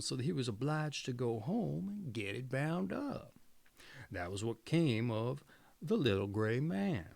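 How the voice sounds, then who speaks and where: A storyteller reads fairy tales aloud in a dramatic, folksy manner, now and then correcting his own reading. His medium-pitched voice is gravelly and a little mellow, and the recording is dry.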